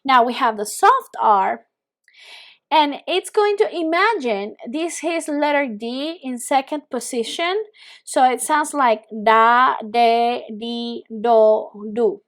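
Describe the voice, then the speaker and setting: Woman teaching spanish sounds, slow and patient, kinda high voice. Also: lively intonation. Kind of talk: pronunciation lesson.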